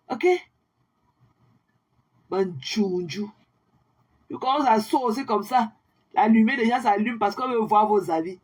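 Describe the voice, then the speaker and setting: A young woman with a husky edge to her voice rants at her viewers in a livestream. She sounds scornful and taunting, with English phrases dropped into her talk. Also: on the high side. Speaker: social media livestreamer. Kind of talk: ranting monologue to viewers.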